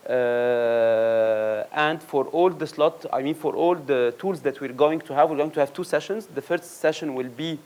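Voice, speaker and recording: Halting male workshop instructor. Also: fairly high pitch, darkish tone. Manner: halting, many fillers and restarts. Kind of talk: lecture introduction. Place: training workshop room.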